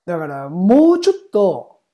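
A man's voice: sits high, huge pitch swings, moderate pace, dull audio. Middle-aged guy hosting a podcast, casual and chatty, talks like an interviewer. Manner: chatty, informal, seeks agreement often. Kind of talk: casual interview chat and programme narration.

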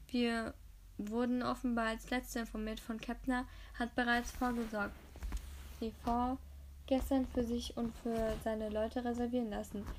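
A woman reading a novel aloud, with narration and dialogue in a somewhat high voice that stays close to one level. She often trips over words and starts again, and the dialogue comes out a little louder than the narration. Faint hiss and clicks sit in the background. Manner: frequent stumbles and self-corrections. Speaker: reader of a novel. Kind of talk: amateur audiobook reading with dialogue.

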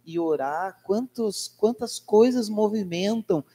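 A man's voice: high voice, slow, a crowd in the background. A man, a pastor, talks with a church member in a reflective, conversational preaching style and often ends with tag questions. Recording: long reverb of a large hall.

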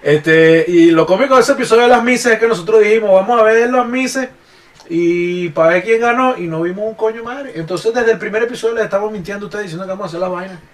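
A man's voice: high-pitched, fast talker, distant mic. A man with a Venezuelan accent, co-hosting a podcast in casual, joking, slangy banter. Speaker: podcast co-host. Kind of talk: casual chat.

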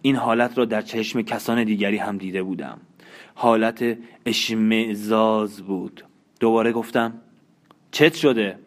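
A man narrating a novel in the first person, in a measured, dramatic storytelling manner. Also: fairly low pitch, steady tone. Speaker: audiobook narrator.

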